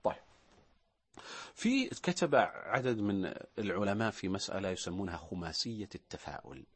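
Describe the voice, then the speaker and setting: A man's voice: low-pitched, very animated, normal speed, slightly rough. A man, a guest expert on a talk show, who lists his points and acts out little example voices. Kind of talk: studio talk show discussion.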